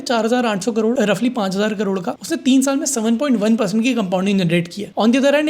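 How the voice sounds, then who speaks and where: A man's voice: very high-pitched, a little mellow. A man hosting a personal finance explainer, talking casually and walking through figures step by step while mixing Hindi and English. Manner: conversational, walks through numbers step by step.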